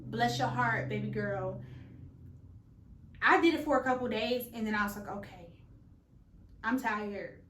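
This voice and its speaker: A woman, her voice sitting a little high. She is candid and playful and drops slangy asides. The room around her is echoey. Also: normal speed, long pauses, fairly bright tone, slight background noise. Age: late 20s. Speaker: vlogger. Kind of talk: casual vlog chat.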